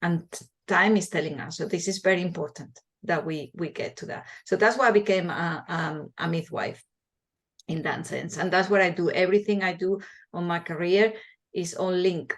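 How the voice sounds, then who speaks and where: A Spanish midwife in her forties, speaking with a Spanish accent and a fairly low voice, answers interview questions passionately and earnestly. She often restarts her words.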